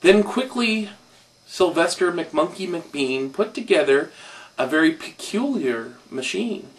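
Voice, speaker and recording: A man slowly reading a rhyming children's story aloud in a rhythmic way, a little off-mic. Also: a little high, expressive, recorded from a distance. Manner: slow, rhythmic rhyme reading.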